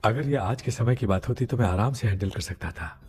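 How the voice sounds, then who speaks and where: A man in a Hindi dub, playing a serious investigator who talks in a measured, thoughtful way. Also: on the low side, darkish tone, breathy edge. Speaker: ghost investigator. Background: music.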